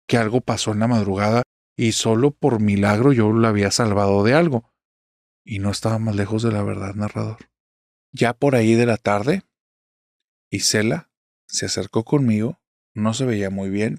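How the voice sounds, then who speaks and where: A man's voice: on the low side, a little mellow, no room sound, studio quality, natural voice. A man voicing an anguished young husband. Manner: pleading, anguished confession. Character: distraught young husband telling his ordeal.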